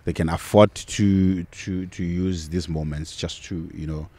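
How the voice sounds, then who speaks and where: A middle-aged man co-hosting a football podcast outdoors, relaxed and laughing often, repeating words as he talks, speaking into a mic on a stand. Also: low-pitched, a little slow, slightly rough, dry recording. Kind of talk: casual football talk. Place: outdoors on a sunny football field. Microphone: handheld mic on a stand.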